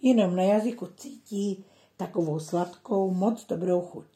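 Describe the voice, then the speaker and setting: A woman reading a children's story aloud in a calm, even narrating voice. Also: fairly low pitch, echoey room.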